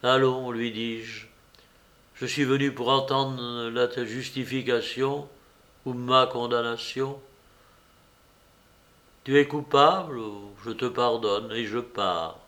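A man's voice: medium pitch, steady tone, slow, long pauses, a bit bright. A man reading a heartbroken, wounded young woman. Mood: resigned.

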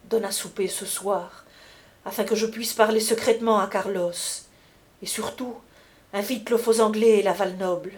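A woman's voice: medium pitch, fairly even intonation, moderate pace, lightly acted. A woman voicing a tender, scheming young courtesan in an audiobook reading, in a coaxing, intimate way.

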